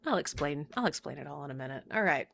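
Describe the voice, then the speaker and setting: A woman's voice: low-pitched, lively intonation, fast, creaky, fairly bright tone, dry recording. A woman from Virginia hosting her own spiritual podcast, talking casually in a chatty, rambling way and laughing often. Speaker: podcast host and channeler.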